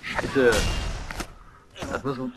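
A man chatting casually and excitedly while playing an online game with friends over voice chat, joking and yelping. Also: very slow, background noise. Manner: excitable, jokey, swings up into squeals. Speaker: gamer. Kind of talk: casual multiplayer gaming chat.

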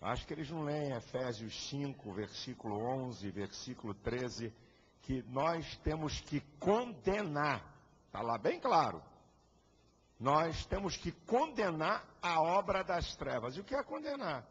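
A man's voice: a little high, big pitch swings, a little slow, breathy edge. A man, a pastor, preaching a fiery and combative sermon full of rhetorical questions. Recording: echoey hall, dull lo-fi sound.

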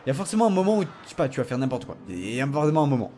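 A man giving animated gameplay commentary, teasing and self-mocking, often laughing and bursting into excited shouts. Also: medium pitch, very fast, a little hiss or hum. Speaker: gamer commenting his own matches.

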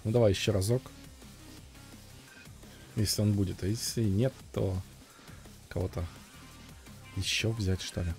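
A man's voice: fairly low pitch, fairly even intonation, measured pace, long pauses, darkish tone, soft background music. A man giving casual gameplay commentary in short, offhand, muttered remarks. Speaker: gamer, video host. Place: voice-over on game footage.

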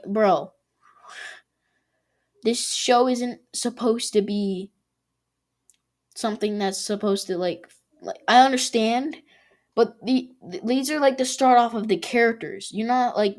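A woman rambles through a casual review for her vlog, excitable and full of fillers. She keeps restarting her sentences and talking over herself. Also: medium pitch. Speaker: channel host ranking shows.

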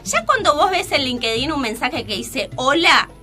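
A woman with an Argentine accent hosting a casual radio talk show, telling stories in an exasperated, animated way. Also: high voice, moderate pace, soft background music. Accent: Rioplatense Spanish. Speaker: radio host.

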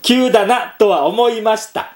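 A man with a high voice talks through his own commentary podcast in a chatty manner. He reads passages aloud and drops in little filler sounds between them. The room around him gives an echo. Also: a little slow. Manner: chatty, reading quotes aloud with frequent filler "un". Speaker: podcast host.

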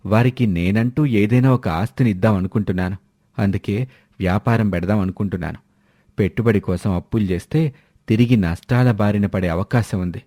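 A man's voice: lowish voice, dark tone, no echo, studio quality, close to an everyday voice. Man voicing a greedy village husband. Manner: persuasive then harsh. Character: greedy village husband turning drunk and cruel.

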